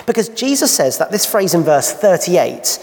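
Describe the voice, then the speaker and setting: A man's voice: sits high, big pitch swings, moderate pace, darkish tone. A man preaching a sermon in church, asking rhetorical questions and painting vivid scenes. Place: church hall. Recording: long hall reverb.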